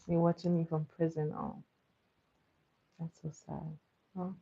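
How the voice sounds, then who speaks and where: A woman's voice: low-pitched, little pitch movement, a little slow, gravelly, warm tone, breathy edge, lo-fi sound. A woman from Nigeria, sleepily hosting a live trivia stream and patiently repeating each question for her viewers. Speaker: livestream quiz host.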